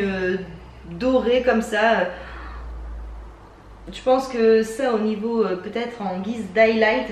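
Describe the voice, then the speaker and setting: A woman casually reviewing beauty box products, chatty and enthusiastic, often pausing with fillers, recorded indoors at home. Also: mid-range voice, far from the mic. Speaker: beauty box unboxing vlogger. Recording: roomy sound from a mic set back, faint hiss.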